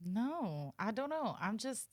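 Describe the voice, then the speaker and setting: A woman's voice: on the high side, very animated, takes it slowly, a little mellow. Woman in her thirties. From Denmark. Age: 30s. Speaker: podcast guest, singer. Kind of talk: casual chat.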